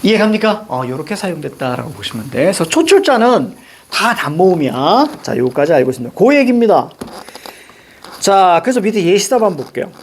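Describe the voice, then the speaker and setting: A male teacher giving a classroom lecture on Korean grammar, animated and constantly checking that students follow. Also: high-pitched, a little fast, slightly rough.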